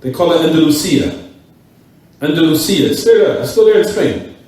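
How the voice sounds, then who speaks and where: A man's voice: on the high side, animated, moderate pace, darkish tone, distant mic. A man teaching a class in a mosque, repeating key words and putting questions to his students. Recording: echoey room, voice from off the mic.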